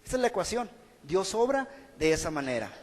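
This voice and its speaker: A man's voice: high voice, sing-song, brisk, long reverb tail. A man preaching a sermon in church, earnest and exhorting. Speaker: pastor. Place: church hall.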